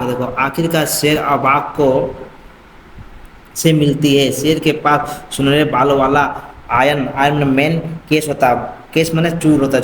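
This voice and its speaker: A man's voice: mid-range voice, slight background noise. A man teaching a school lesson, mixing Hindi and English and repeating a checking phrase often. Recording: echoey room with faint ambience.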